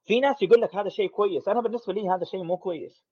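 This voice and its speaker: A man's voice: high-pitched, racing, darkish tone. A man, a podcast guest speaking frankly in a casual conversation, in long runs with restarts. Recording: dull lo-fi audio.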